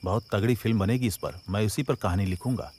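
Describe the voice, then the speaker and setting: A man's voice: on the low side, fast, a little mellow, slight background noise, lightly acted. A man voicing an enthusiastic young writer in a cartoon. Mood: excited. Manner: eager.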